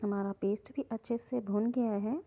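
Gravelly-voiced woman giving a home cooking lesson. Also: on the high side, normal speed. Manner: calm, instructive, repeats "hum" often. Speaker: cooking channel host. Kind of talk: step-by-step recipe voice-over. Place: home kitchen. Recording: dull lo-fi phone audio.

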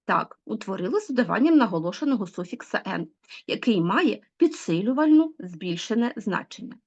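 A woman teacher giving a grammar lesson to children, explaining patiently, stressing key words slowly and asking the class questions. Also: mid-range voice, big pitch swings, dull audio. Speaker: school teacher.

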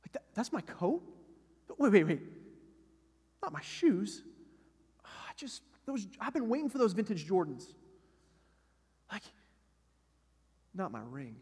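A man's voice: on the high side, a little slow, long pauses, warm tone. A man voicing an indignant, entitled older brother who complains in a whiny, exasperated way, heard in a long hall reverb.

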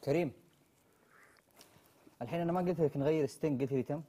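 A man's voice: on the high side, quick pace, mellow, husky. A young Saudi man hosting a comedy sketch, insistent and exasperated, repeating himself as he presses his point. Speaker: comedy show host. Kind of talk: comic sketch dialogue.

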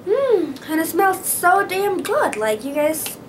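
Very high-pitched and slow, a young Utah woman vlogs casually and excitably, heavy on "like" and "um," with a little hiss or hum in the audio. Her handheld camera, held at arm's length, records her in the car and next in her bedroom.

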